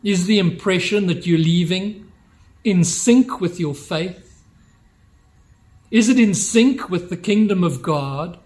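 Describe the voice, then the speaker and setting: Slow, high-voiced preacher man. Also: darkish tone. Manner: slow, measured delivery with repeated rhetorical questions. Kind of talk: sermon.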